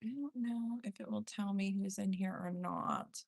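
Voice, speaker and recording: A woman's voice: mid-range voice, a little slow, creaky, no echo. A woman hosting a casual live stream spirit session, chatting to spirits and viewers by name and relaying replies aloud.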